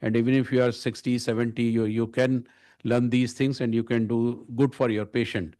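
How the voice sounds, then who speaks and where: A man with an Indian accent giving an informal conference address as a senior surgeon, halting and often repeating words. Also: medium pitch, little pitch movement, warm tone. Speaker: medical director and surgeon speaking at a conference.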